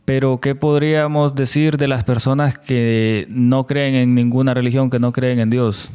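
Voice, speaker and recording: A man's voice: mid-range voice, fairly even intonation, a little slow, warm tone, smooth. A man with a Honduran Spanish accent hosting a podcast interview, asking long rambling questions. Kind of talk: conversational interview.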